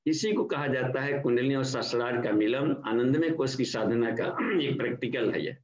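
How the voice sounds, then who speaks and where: An older man from India, giving a slow, explanatory devotional lecture as a spiritual trainer and slipping English words into his talk. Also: medium pitch. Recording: dull, echoey online class audio.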